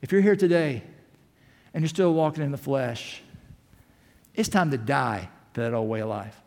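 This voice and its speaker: A male pastor giving an impassioned sermon in a church, building to shouts and firing off rhetorical questions. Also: medium pitch, normal speed, vocal fry. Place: church sanctuary. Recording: long hall reverb.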